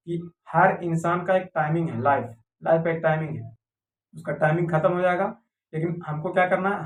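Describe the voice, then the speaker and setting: A man giving a rambling, indignant opinion monologue to viewers, repeating phrases for emphasis. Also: a little high. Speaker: video commentator. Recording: echoey room, voice from a distance.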